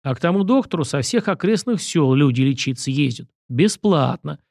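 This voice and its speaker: A man's voice: on the high side, expressive, normal speed, creaky, a little mellow, dry recording, clean studio sound. A man voicing a proud, stubborn commoner who argues in a folksy, vehement way.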